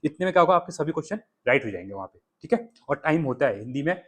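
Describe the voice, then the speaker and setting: A man's voice: fairly high pitch, very animated, a bit bright, husky. Man patiently sounding out letters. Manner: explains step by step, repeats "theek hai" often; sounds out letters slowly and repeatedly. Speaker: exam tutor. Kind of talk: solving a past exam paper.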